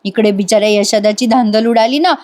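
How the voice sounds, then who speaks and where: A woman's voice: mid-range voice, fairly quick, a little mellow. A woman casually retelling a serial episode in a chatty voice-over, talking straight to her viewers. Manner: chatty, giggly, addresses viewers.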